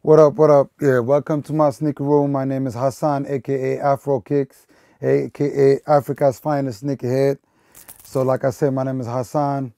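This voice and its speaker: At a normal pace, a man with a warm, mid-range voice and level tone speaks in studio quality without echo. He's in his thirties, from Belgium, and manages a sneaker store, rambling casually through a documentary interview with frequent fillers and restarts.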